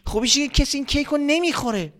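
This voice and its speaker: A man's voice: extremely high pitch, a bit bright, voice pushed up. Man doing a stammering worried girl. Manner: stammering, pleading.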